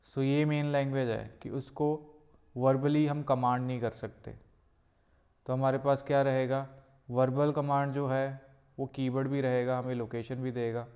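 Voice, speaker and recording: A man's voice: medium pitch, level tone, a little mellow. Man explaining a reading lesson. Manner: explains step by step, reads English slowly and deliberately. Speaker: IELTS tutor. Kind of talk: Hindi-English screen lesson.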